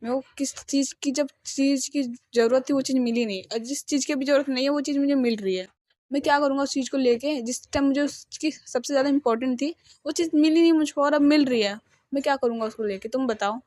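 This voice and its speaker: A woman reading aloud as a lonely young man who pours out his hurt in a pleading rush. The voice sits fairly high and sounds close and dry. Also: fast, darkish tone, dry recording, close to an everyday voice. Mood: upset.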